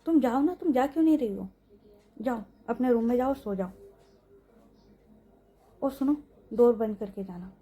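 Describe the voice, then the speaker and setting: A woman voicing a bossy young woman who scolds and gives orders, speaking louder than her narration. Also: on the high side, normal speed, pauses often, natural voice. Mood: ordering away. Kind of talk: storytelling role-play.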